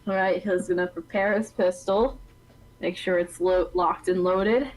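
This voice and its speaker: A woman playing in a tabletop game, chatting casually in an unhurried, unsure way. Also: fairly low pitch, fairly even intonation, a little mellow, rough recording. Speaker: player.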